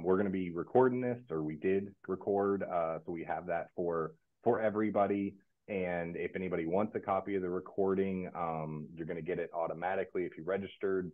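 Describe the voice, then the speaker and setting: Deep-voiced man moderating over a tinny line. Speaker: webinar moderator. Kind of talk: moderating a panel webinar. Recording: tinny phone-like audio line.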